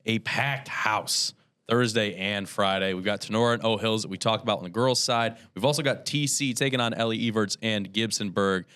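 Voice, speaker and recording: A man hosting a local sports show, brisk and upbeat as he runs through the game schedule. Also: lowish voice, bright, forceful tone, smooth.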